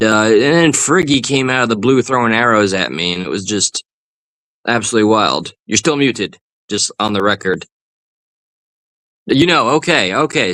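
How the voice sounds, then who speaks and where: Bright-voiced man riffing playfully. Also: mid-range voice, no room sound. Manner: goofy mock-serious riffing, playful put-on outrage. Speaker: co-host on a live stream. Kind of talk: joking improvised banter.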